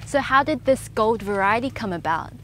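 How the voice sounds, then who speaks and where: A woman's voice: on the high side, animated, normal speed, bright, forceful tone, a little hiss or hum. A young woman from China living in New Zealand, a company analyst presenting an orchard tour and asking polished questions outdoors. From China, now New Zealand. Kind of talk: scripted presenting and interviewing.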